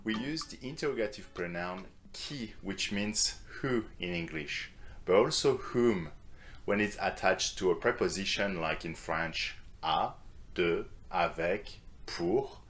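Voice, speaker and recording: A man's voice: deep voice, expressive, a little slow, a bit bright. A man teaching an online language lesson, explaining grammar step by step in English and modeling phrases for the listener to repeat. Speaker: French teacher.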